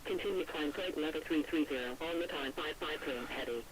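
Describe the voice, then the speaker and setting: A man calls air traffic control from the cockpit, his voice carried over a headset radio. He fires off clipped, formal aviation phrases at a brisk clip. His voice sits a little high. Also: low-quality recording. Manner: terse, rapid aviation phraseology. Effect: cockpit radio transmission over a headset. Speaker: airline pilot.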